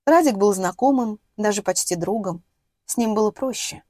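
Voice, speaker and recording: A woman reading a novel aloud in steady, measured scripted narration. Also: mid-range voice, no room sound, studio quality. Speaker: audiobook narrator.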